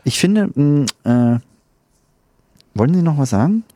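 A man's voice: on the high side, animated, a little slow, dark tone, no echo. A middle-aged man co-hosting a radio show, teasing his partner and reading out study findings in a dry way. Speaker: radio co-host. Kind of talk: casual chat.

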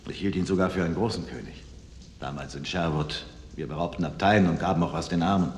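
A male actor plays an ageing outlaw hero, reflective and muted, in a dubbed film. The voice is extremely low and rings in an echoey hall. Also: quick pace, close to an everyday voice. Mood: wistful. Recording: echoey hall, faint noise.

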